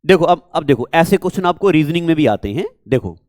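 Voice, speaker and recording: Speaking fast with a Kashmiri accent, this man from Jammu and Kashmir, India, gives a classroom math lesson, repeating himself and coaxing viewers with frequent quizzes. His voice is on the high side, expressive and darkish, with no echo.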